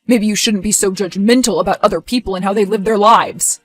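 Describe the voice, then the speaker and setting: A woman voices a widowed stepfather in story dialogue. He is brash, combative and defensive, pushing back loudly with indignation. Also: medium pitch, a little fast, soft background music, natural voice.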